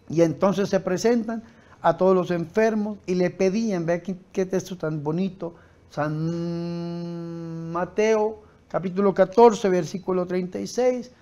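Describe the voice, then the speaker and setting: A man preaching a sermon, emphatic and building to loud repeated phrases. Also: high-pitched. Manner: emphatic, rising to loud repetitions; acts out quoted voices in his telling.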